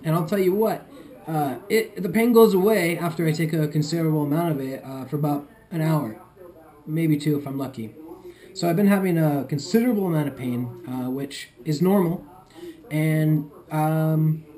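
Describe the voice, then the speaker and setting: A man giving an unscripted video diary as a patient, talking in a halting, groggy, medicated-sounding way. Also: fairly high pitch, warm tone. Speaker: patient recording a recovery vlog.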